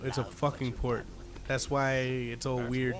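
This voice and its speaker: A man's voice: medium pitch, flat delivery, a little slow, crowd noise. A man in his twenties with a frog in his throat, playing and commenting casually, swearing freely. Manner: laid-back, swears casually. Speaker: gaming co-host and player. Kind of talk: casual let's-play commentary.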